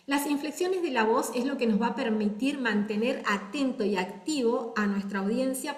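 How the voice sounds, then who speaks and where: Woman coaching speakers, echoey room. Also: a little high. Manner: explains step by step, models her own intonation. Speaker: speech coach. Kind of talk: webinar lecture. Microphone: video call.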